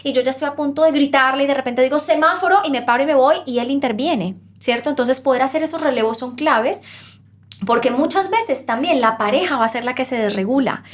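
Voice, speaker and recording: A woman with a fairly high voice explains parenting ideas on a podcast. She talks in an animated way and slips into little acted voices of parents and children to make her points. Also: a little fast. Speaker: parenting expert guest.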